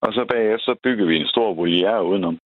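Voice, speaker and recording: A man's voice: lowish voice, no room sound. A man calling in by phone, chatting casually in short plain answers. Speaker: caller. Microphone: telephone. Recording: tinny phone line.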